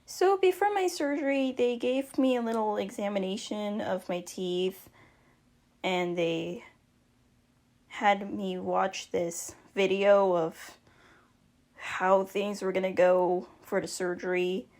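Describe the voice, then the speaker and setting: A woman's voice: medium pitch, takes it slowly, darkish tone. A woman telling a personal story casually, in a rambling, informal, slangy way. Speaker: storyteller recounting a personal experience.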